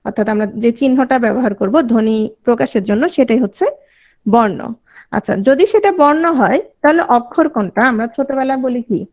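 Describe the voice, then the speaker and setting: A woman's voice: on the high side, darkish tone. A woman teacher giving an online class lecture, quizzing her students and repeating their answers back to them.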